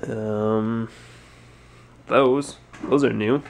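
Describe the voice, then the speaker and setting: A man with a middle-pitched, gravelly voice talks casually to a handheld camera, thinking aloud as he sorts through totes. The recording carries clear background noise from a cluttered stock room. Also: steady tone, very slow, dull audio. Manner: musing, thinking aloud while sorting. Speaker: resale store owner. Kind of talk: casual narrated unboxing vlog. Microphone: handheld or head-mounted camera.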